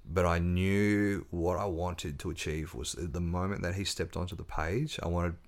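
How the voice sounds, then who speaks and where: A man with a very low voice, talking as an author guest on a podcast. He tells his stories in a relaxed way, stopping for ums and restarting his sentences as he goes. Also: moderate pace. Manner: storytelling, relaxed, with fillers and restarts. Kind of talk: casual interview chat.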